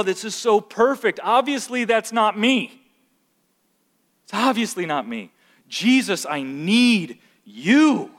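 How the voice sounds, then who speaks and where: A man energetically teaches a Bible class, engaging the group with questions and raising his voice in pitch and volume for emphasis. The space gives it a long, hall-like reverb.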